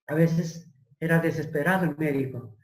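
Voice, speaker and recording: A middle-aged man telling a personal testimony as an interview guest, halting and searching for his words. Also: fairly high pitch. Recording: roomy echo.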